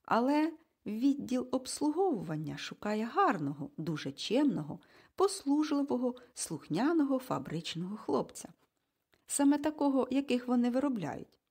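Woman reading a bossy, brisk audiobook mother. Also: a little high, very animated, a little mellow, breathy edge, pitched above the performer's own voice, heavily acted. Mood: forceful. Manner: emphatic, commanding and impatient.

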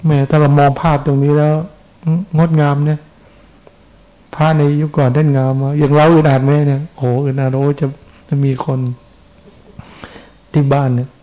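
A man's voice: fairly high pitch, level tone, moderate pace, long pauses, dark tone, rough recording. A middle-aged man, a Buddhist monk, giving a conversational sermon and asking his listeners questions.

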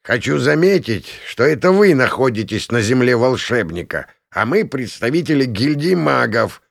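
A stubborn male guild mage who grates out his objections and bristles for a fight, as a male narrator puts him on. His pitch swings in lively bursts, and the dry, close sound leaves the edge of each word bare. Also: normal speed, no echo. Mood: combative. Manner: grating and combative.

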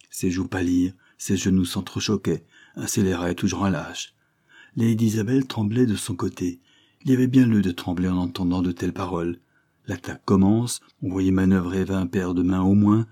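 A man narrating a classic novel as an audiobook, in a measured literary reading. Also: low-pitched, warm tone. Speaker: audiobook reader. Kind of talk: scripted narration.

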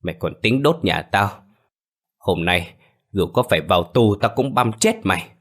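Casting: a man doing a furious, wronged farmer, low, hissing with bitterness. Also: lively intonation, normal speed, a bit bright. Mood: enraged. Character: enraged poor middle-aged peasant farmer. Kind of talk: audio story acting.

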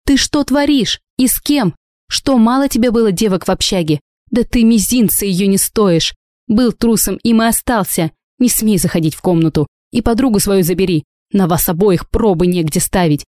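A woman's voice: medium pitch, normal speed, no room sound, studio quality, pitched above the performer's own voice, natural voice. A woman doing an indignant protective friend. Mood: furious. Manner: indignant, sharp.

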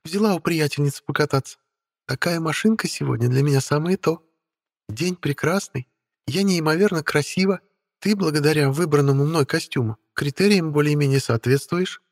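A man's voice: a little high, moderate pace, dry recording, clean studio sound, voice pushed up. A man putting on a vain, bossy young witch. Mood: haughty. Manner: haughty, imperious and teasing. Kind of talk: audiobook character voice.

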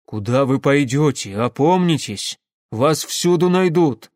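A man's voice: medium pitch, lively intonation, darkish tone, no room sound, studio quality, lightly acted. A man voicing a stern, controlled middle-aged officer giving firm orders. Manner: firm, measured.

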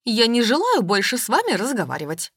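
A woman's voice: medium pitch, big pitch swings, no room sound, studio quality. Woman doing a nagging, self-pitying old mother. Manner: reproachful, whining, rapid complaining.

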